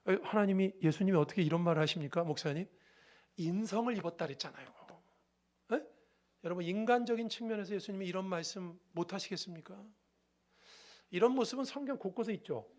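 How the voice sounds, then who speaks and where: A man's voice: high-pitched, fast talker. A male pastor preaching a sermon emphatically, often asking the congregation rhetorical questions.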